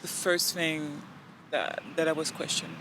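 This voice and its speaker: A young adult woman from the Central African Republic gives a casual interview, earnest and animated, voicing quoted dialogue in a French accent from her native French. Her voice sits low and runs a little slow against a noisy background.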